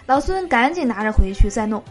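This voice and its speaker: Lively woman host reading jokes. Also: fairly high pitch, a little fast, faint music behind. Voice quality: lively, laughs at her own jokes.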